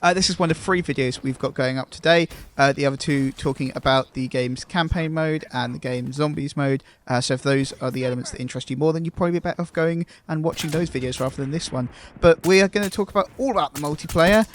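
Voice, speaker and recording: Quick-talking male host asking questions. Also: on the high side. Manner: brisk host who steers the talk with questions and uh-fillers. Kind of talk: casual gaming discussion.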